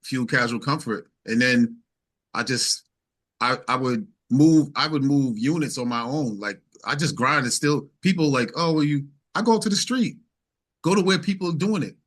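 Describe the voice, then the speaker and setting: A male singer-songwriter, interviewed as a guest, spins casual and emphatic stories full of repeated phrases and quoted dialogue. His voice is mid-range and fairly bright, at a moderate pace.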